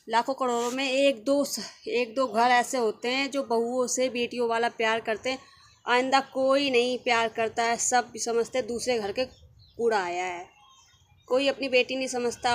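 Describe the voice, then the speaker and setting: A young adult woman vlogger talking frankly and casually to her viewers, opinionated and chatty. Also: fairly high pitch. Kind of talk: casual vlog talk to viewers.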